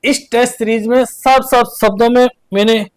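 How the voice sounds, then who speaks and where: A man's voice: very high-pitched, steady tone, moderate pace. A young man from India, giving an earnest exam coaching lecture as a teacher, repeating points and asking rhetorical questions.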